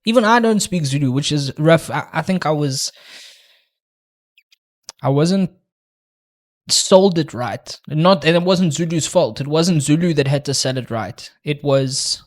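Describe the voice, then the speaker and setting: A young man with a South African accent talks as a podcast guest in a relaxed, meandering way. His voice sits on the higher side, and he stumbles and restarts often as he slips in dry jokes. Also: a little slow. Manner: rambling, frequent restarts, joking asides. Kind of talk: casual interview chat.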